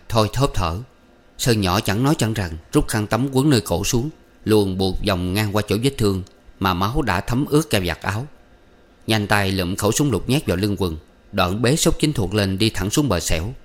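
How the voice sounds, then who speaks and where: A man narrating a story in a steady, even way. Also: lowish voice, moderate pace. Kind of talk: audiobook narration.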